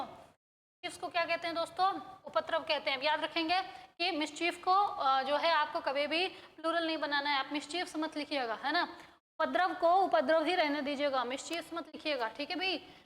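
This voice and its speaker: A woman with a Hindi accent teaching an English grammar lesson, drilling word lists and quizzing her students in a brisk, coaxing way. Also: high-pitched, a bit bright, in a large hall. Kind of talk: classroom-style grammar lesson. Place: coaching institute in India.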